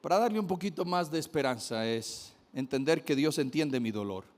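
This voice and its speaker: A man's voice: fairly high pitch, expressive, normal speed, a little mellow. A man preaching a sermon, emphatic, repeating key phrases and speaking straight to his listeners.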